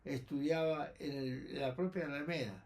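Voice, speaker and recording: A man's voice: a little high, steady tone, moderate pace, a little mellow, a little hiss or hum. A man in his seventies with a Chilean accent, telling his own memories to a grandchild and acting out the people he quotes. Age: 70s. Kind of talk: casual storytelling.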